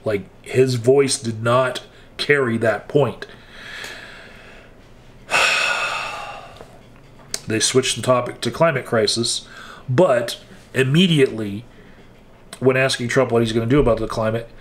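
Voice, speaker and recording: A man's voice: mid-range voice, slow, pauses often. A man giving a frank, wry, casual spoken recap with hesitant restarts, as a political commentator.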